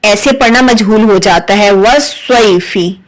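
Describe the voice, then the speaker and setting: Female Quran reading tutor, Urdu accent, very slow spelled-out drilling. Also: a little high, low-quality recording. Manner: spells out letters and vowel marks, then blends them slowly. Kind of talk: slow syllable-by-syllable recitation lesson.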